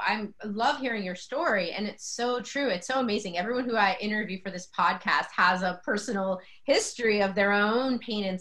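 A woman host leading a podcast interview, earnest and affirming as she responds to her guest. Her tone is bright and forward. Her pitch is in an ordinary middle range.

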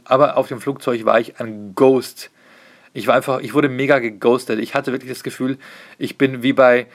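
Man, comedian, animated storyteller with a mid-range voice who curses casually. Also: mid-range voice. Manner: animated, swears casually, jumps into quoted dialogue. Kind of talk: casual comic anecdote.

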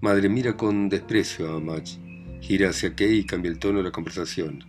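Man, Rioplatense accent, host and reader, very low voice, calm, faint music behind. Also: normal speed. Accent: Rioplatense Spanish. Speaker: host and reader of a reading program. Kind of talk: read-aloud play with narration.

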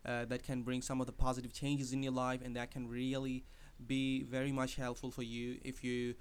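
A podcast host whose first language isn't English gives casual spoken advice hesitantly, full of fillers and restarts. His medium-pitched voice is monotone at a moderate pace, with a clean tone.

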